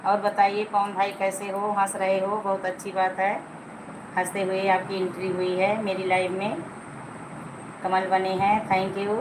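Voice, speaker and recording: A middle-aged woman chats her way through a live stream, slow and unhurried, teasing viewers and pushing them to like the video. Her voice sits at an ordinary pitch. Steady noise and passing vehicles run behind her. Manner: chatty, teasing, coaxing viewers to like and comment. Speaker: livestream host.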